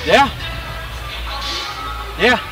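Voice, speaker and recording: A man giving live MMA commentary in a conversational, descriptive way. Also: drawn-out words. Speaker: play-by-play fight commentator. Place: live fight venue. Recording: distant mic, loud music and crowd. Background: music and crowd.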